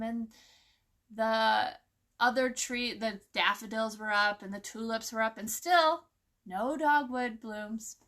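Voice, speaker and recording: This story-time host has a fairly high, bright and pushed voice. She leads a casual nature lesson with a read-aloud, explaining as she goes and putting questions to the children.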